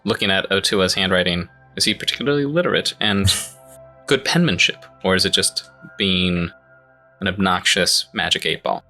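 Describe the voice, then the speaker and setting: A man's voice: low voice, animated, moderate pace, bright, forceful tone, faint music behind. A man playing a tabletop game, with a dry, wry way of talking. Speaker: player.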